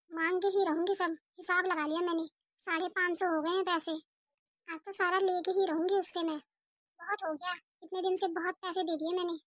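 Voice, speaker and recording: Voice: very high voice, a bit bright, no room sound, studio quality. A performer voicing an exasperated adult housewife in a cartoon, grumbling and complaining about money she has lent. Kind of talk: cartoon voice acting.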